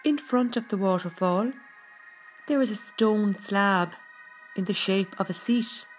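A woman leads a guided meditation at a very slow, measured pace. Her delivery is gentle and soothing, with a mid-range pitch. Soft music plays faintly behind her scripted narration. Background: background music.

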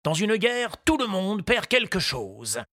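A woman voicing an old, kindly male gardener who speaks slowly and gravely. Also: on the high side, lively intonation, fairly bright tone, no echo, clean studio sound, voice pushed up, heavily acted. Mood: sad.

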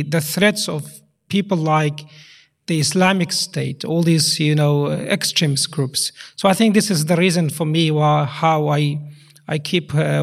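A man panelist speaking earnestly in halting, broken phrases. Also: on the high side. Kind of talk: panel answer.

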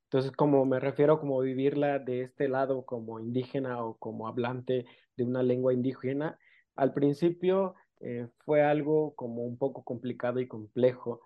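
A documentary filmmaker from the Oaxaca coast in Mexico, whose first language is Amuzgo, shares personal stories as a guest in a relaxed interview. He speaks haltingly at an even middle pitch, filling pauses and adding little tag questions. The recording is dull and lo-fi.

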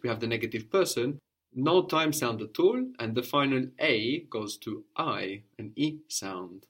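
Male tutor, mid pitch, patient drilling style, repeats and corrects. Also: a bit bright, slightly rough. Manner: patient, prompting questions and repeating answers. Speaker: language teacher. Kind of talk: one-on-one language lesson.

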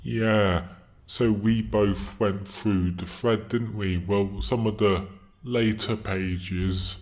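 A man on a relaxed podcast, with a low voice and an unhurried pace. He slips in wry jokes between his co-host's readings. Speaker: podcast co-host. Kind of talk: casual podcast chat.

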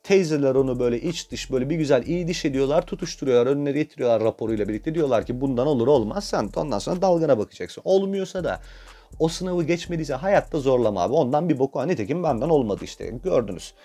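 A man's voice: mid-range voice, expressive, quick pace, mellow. A young man hosting a podcast, telling a comic personal story in a crude, self-mocking way and swearing freely. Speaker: podcast host.

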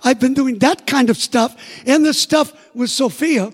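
A man's voice: extremely high pitch, a little slow, breathy edge. A man telling a stage anecdote in short bursts, often repeating his phrases and quoting himself, to an audience in a large hall. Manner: repeats phrases, animated anecdote with quoted asides. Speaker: speaker giving a talk. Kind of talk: storytelling on stage, pausing for an interpreter. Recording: reverberant hall.

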